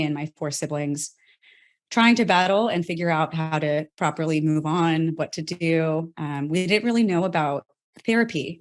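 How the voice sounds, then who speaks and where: A woman with a notably low voice tells her own story in an interview. She is earnest and candid, and pauses and restarts as she works through hard memories. She is a company co-founder from South Texas. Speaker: healthtech company co-founder, guest.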